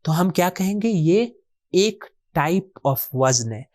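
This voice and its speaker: A man teaching a recorded lesson on Arabic word patterns. He poses questions and answers them himself, saying key words slowly and more than once. He drops English words into his explanations. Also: high voice, expressive, darkish tone. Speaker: Quran and Arabic grammar teacher.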